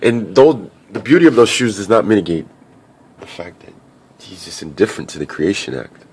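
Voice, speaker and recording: Husky-voiced man ranting in a monologue. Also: lively intonation, moderate pace. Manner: swings between low muttering and loud shouting; profane, repetitive, restarts often. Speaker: vlogger. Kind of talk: rambling monologue.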